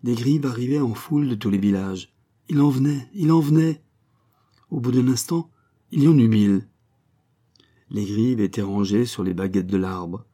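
Man reading a literary tale, low and mellow. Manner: measured, expressive narration. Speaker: narrator.

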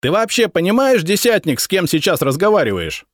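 A man voicing an angry, commanding male noble officer who shouts orders in a raised voice. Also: high voice, sing-song, moderate pace, no room sound, clean studio sound, voice pushed up. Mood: commanding, irritated. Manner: shouting, impatient.

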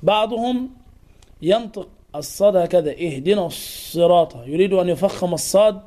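A man teaching a recitation lesson, explaining pronunciation deliberately and chanting verses slowly to show right and wrong forms. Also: sits high, warm tone.

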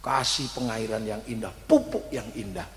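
A man's voice: fairly low pitch, normal speed. A man giving a humorous sermon to an audience, telling comic stories. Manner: animated comic storytelling with audience laughter. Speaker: preacher. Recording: echoey hall with long reverb.

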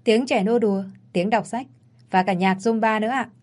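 A woman's voice: medium pitch, moderate pace, darkish tone, lightly acted. A woman voicing a deferential, chatty young female housekeeper in an audio story.

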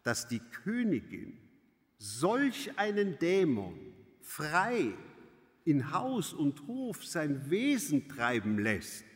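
Snooty gossipy maid lady, man reading her, lively voice, echoey hall. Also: on the high side, extremely slow, heavily acted. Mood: scornful. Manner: sneering, indignant. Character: scornful gossiping serving maid, woman. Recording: long hall reverb.

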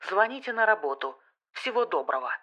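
Woman reading a gruff police major, curt and cold, brushing people off. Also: medium pitch, very animated, fairly quick, a bit bright, lo-fi sound.

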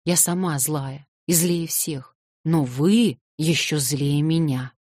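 A woman's voice: low voice, slow, no room sound, studio quality. A woman reading an audiobook voices a distraught young orphan girl who cries and refuses insistently. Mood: sobbing defiance. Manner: crying, shouting, insistent refusals.

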